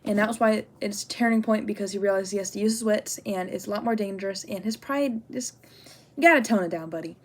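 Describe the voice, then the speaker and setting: A woman's voice: medium pitch, fast talker. A young woman student talking casually through an assignment, full of "like" and "um", candid and getting worked up over a personal story. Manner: chatty, lots of "like" and "um". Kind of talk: casual spoken assignment response.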